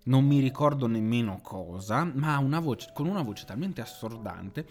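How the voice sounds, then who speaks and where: A man's voice: medium pitch, normal speed. A man co-hosting a casual chat, telling stories in a teasing, theatrical way. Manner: teasing, theatrical, lively storyteller. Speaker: podcast co-host.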